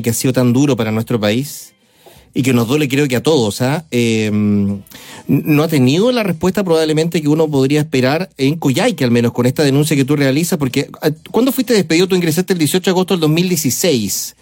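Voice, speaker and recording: A man's voice: fairly high pitch, fairly quick, a little mellow. A man interviewing a guest on the radio, probing and restating the guest's answers.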